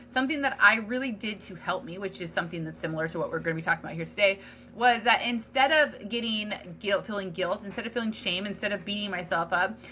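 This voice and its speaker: A woman's voice: medium pitch, bright, forceful tone, a little hiss or hum. A woman hosting a solo podcast, talking in a candid, earnest, self-reflective way with casual fillers and restarts. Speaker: podcast host.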